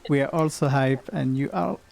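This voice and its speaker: Mellow-voiced man hosting a game stream. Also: mid-range voice, normal speed, gravelly. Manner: relaxed, chuckling, reads viewer comments aloud. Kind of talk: casual live-stream chat.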